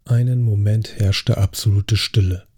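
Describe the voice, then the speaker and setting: A man narrating a story in the first person with an expressive, scripted delivery. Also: lowish voice, a little slow, husky. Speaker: audiobook narrator.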